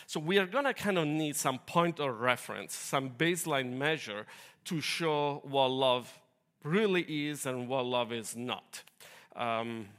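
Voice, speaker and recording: Man, Italian accent, sermon, earnest and explanatory, mid-pitched voice. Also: fairly bright tone. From Italy. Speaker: preacher.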